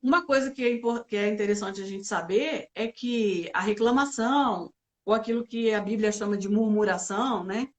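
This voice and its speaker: A woman psychologist talking through emotional health in a relaxed church conversation, explaining step by step with frequent tag questions. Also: medium pitch, moderate pace. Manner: explanatory, many filler "né"s, acts out complaints.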